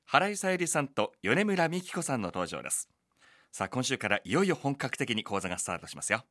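A man's voice: mid-range voice, sing-song, a little fast, sharp tone, dry recording, clean studio sound. A man announcing a weekly radio program segment and introducing the two hosts in an upbeat way.

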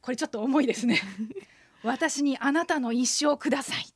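A woman co-hosting a radio language lesson, explaining pronunciation clearly. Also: high voice, moderate pace, no echo, studio quality.

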